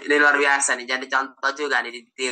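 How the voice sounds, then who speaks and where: Bright-voiced preacher, joking. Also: male voice, mid-range voice, flat delivery, fast. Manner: informal, joking, trailing restarts. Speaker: Islamic preacher. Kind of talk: online Q&A study session.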